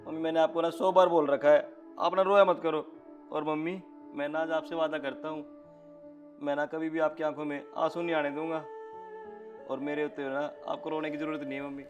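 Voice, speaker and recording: A man's voice: a little high, fairly even intonation, brisk, highs cut off, music in the background, lightly acted. A man acting a hot-tempered, devoted son in a family drama skit, speaking emphatically and scolding. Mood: tender. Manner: emphatic, scolding, filler-heavy. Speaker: vlog host.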